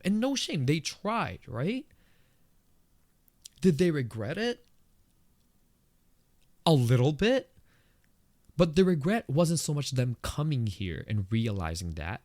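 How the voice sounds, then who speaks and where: On his solo podcast, this Filipino-accented man reflects earnestly on something personal, keeping things conversational while his voice jumps higher to stress points. The tone leans darkish and the recording is dry.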